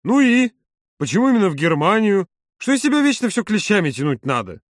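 A blunt, impatient family man, played by an audiobook narrator, grumbles with indignation. The voice is raised and forceful, moving around a lot. The recording is dry and close. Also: high-pitched, big pitch swings, moderate pace, dry recording, voice pushed up. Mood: indignant.

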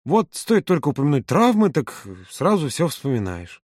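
A man's voice: a little high, very animated, moderate pace, darkish tone, dry recording, studio quality. A man reading an audiobook, voicing a chatty, curious woman who eagerly asks questions.

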